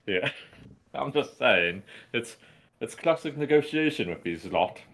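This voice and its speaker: A man's voice: mid-range voice, lively intonation, measured pace, a bit bright. A man bantering casually as a player in a tabletop role-playing game.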